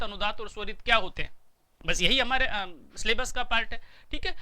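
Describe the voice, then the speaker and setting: A man's voice: sits high, sharp tone. A middle-aged man teaching a recorded lecture, who explains patiently and says each point twice.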